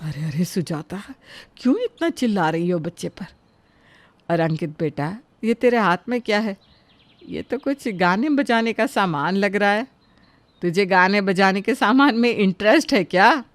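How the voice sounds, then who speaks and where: A blunt old woman of the lane who speaks her mind and gives advice without being asked, voiced by a woman. She talks in a mid-pitched, dry voice, straight into the mic for a storybook cartoon. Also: expressive, unhurried, no room sound, natural voice. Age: older. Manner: outspoken, advice-giving. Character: blunt elderly neighborhood woman, wise.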